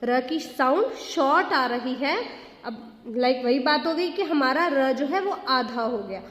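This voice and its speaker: Slowly and in an animated high voice, a school teacher walks through a grammar lesson, patiently repeating questions and stretching out her example words. Her Hindi is sprinkled with English phrases, and the recording has long reverb from an echoey room.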